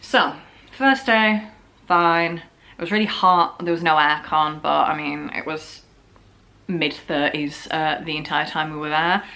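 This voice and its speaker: A young woman chats through a storytime vlog at home, her voice low, bright and pushed, with a fairly even pitch and an unhurried pace. Her throat sounds slightly sore and scratchy, and she jokes a lot and fills her talk with "like"s.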